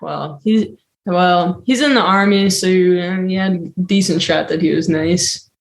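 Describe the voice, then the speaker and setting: A woman with a fairly low voice, co-hosting a casual podcast. She drops in short, dry, teasing remarks and quick questions. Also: low-quality recording. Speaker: podcast co-host. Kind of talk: casual chat.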